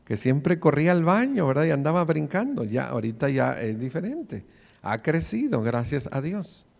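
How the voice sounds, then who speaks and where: A man's voice: mid-range voice, vocal fry, darkish tone. Man preaching in a reverberant church. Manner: preachy, calls listeners brother often. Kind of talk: sermon. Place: church sanctuary, in front of the pulpit.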